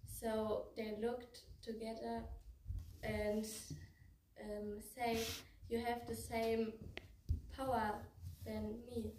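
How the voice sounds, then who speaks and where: A young teenage girl with a German accent tells a story in halting English. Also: fairly high pitch, monotone, warm tone. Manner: halting non-native English. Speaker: student storyteller. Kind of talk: telling a story to listeners. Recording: roomy, distant, faint noise.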